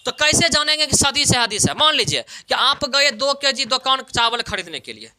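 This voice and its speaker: High, bright male teacher. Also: big pitch swings, moderate pace. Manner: questioning, answers own questions, homely examples. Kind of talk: exam-prep science lesson.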